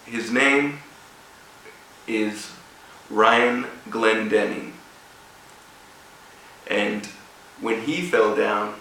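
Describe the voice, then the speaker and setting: A man gives an informal motivational speech with a personal story, speaking haltingly in short broken phrases. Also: lowish voice, bright, forceful tone. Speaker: guest speaker at a rugby club event. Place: echoey room, speaking before an audience. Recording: echoey room, distant mic, faint noise.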